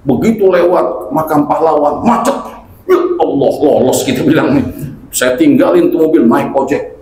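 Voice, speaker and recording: A middle-aged man preaches to a mosque gathering. He tells his stories with animated quoted voices, in a somewhat high-pitched voice. His voice echoes around the hall over a faint room hum. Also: normal speed. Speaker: kiai preacher. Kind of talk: humorous religious study talk.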